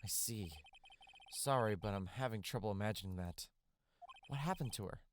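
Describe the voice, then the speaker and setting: A man's voice: on the low side, moderate pace, a little hiss or hum, pitched below the performer's own voice, lightly acted. A man voicing a young male defense attorney, dry and skeptical in his delivery.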